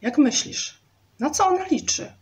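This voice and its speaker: A woman reading aloud voices an excitable, anxious male constructor who pleads and argues in a raised voice. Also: sits high, unhurried, pitched above the performer's own voice. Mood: upset. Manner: agitated, pleading.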